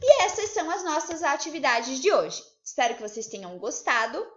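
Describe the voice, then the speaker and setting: A woman teaching a remote class to young children, lively and coaxing, asking many questions. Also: high-pitched, a little fast. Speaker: primary school teacher. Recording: slightly dull lo-fi recording.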